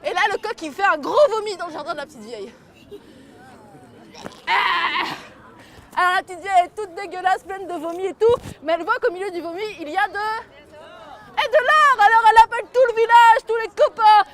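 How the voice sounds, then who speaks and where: High-voiced woman telling a tale outdoors. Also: a little fast, crowd noise. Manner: lively, gets the audience to join in. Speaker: storyteller. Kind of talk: telling a folk tale to children.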